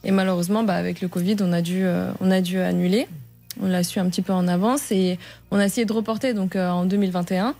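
A woman talks fast as she recounts her story on a radio show. She hesitates often, restarting her sentences and filling pauses. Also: lowish voice, fairly even intonation, gravelly, mellow, faint music behind. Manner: hesitant, many fillers and restarts. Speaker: caller with a consumer complaint. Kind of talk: casual telling of her story.

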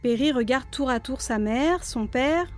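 A woman with a high voice reads a children's storybook aloud. She tells it clearly and expressively. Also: measured pace, faint music behind. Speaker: narrator.

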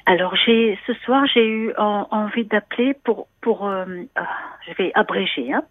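Woman, caller on a landline phone, narrow tinny sound, dry, halting speech with repeated words, mid pitch. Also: a crowd in the background. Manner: hesitant, repeats words, confiding. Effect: over a landline phone. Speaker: radio caller. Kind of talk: call-in conversation.

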